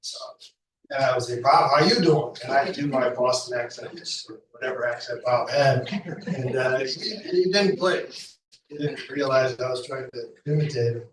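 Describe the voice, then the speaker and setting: A man with a mid-range voice speaks at a moderate pace at a memorial in a school hall, with crowd noise around him. His tribute is off-the-cuff and chatty, full of stories and laughs. The hall is echoey and the mic sounds distant.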